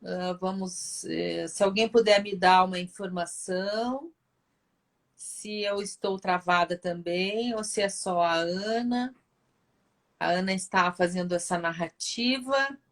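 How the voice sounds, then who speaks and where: A woman's voice: medium pitch, measured pace. A woman hosting a live video chat, reading viewer questions aloud. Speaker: host.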